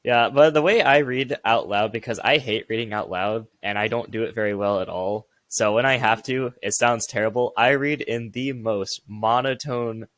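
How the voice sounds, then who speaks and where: A man's voice: mid-range voice, normal speed, hardly any pauses, fairly bright tone, dry recording. A man co-hosting a casual podcast, rambling and laughing at himself. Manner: self-mocking, laughs often, rambles. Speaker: podcast co-host. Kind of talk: casual chat.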